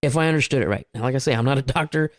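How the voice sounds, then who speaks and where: A man's voice: medium pitch, rapid-fire, no room sound, studio quality. A man telling his family's story as a guest, candid and rambling, with a few self-aware laughs. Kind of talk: casual personal storytelling.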